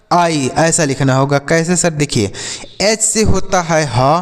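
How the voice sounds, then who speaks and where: Man teaching spelling slowly. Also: high voice, long reverb tail. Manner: slow, repetitive, addresses children warmly. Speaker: English teacher. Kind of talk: spelling-out pronunciation lesson.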